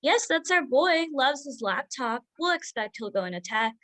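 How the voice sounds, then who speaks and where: Playing a defensive, overworked doctor mom in a modern drama, a woman uses a full character voice that sits fairly high, bright and forceful, with big pitch swings. The character is brisk and proud, quick to push back and insistent on getting her way.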